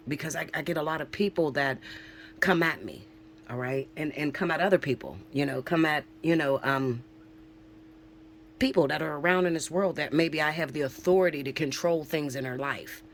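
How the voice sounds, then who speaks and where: Speaking at a normal speed with long pauses, a low-pitched woman in her forties talks casually to viewers as a spiritual reader; a little hiss or hum is audible. She swears freely, preaches emphatically, and often asks "okay?".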